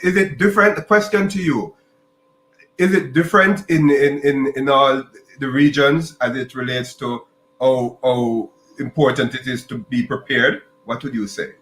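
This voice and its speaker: A man from Jamaica, hosting a podcast interview and talking in halting bursts with restarts and repeated words. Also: mid-range voice, steady tone, a bit bright, roomy sound, poor audio. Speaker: podcast host.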